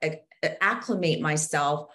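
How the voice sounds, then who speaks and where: A Zambian woman appears as a podcast guest in a conversational interview, speaking passionately, verbosely and earnestly with many restarts. Her voice is low-pitched and a bit bright, and she keeps a measured pace.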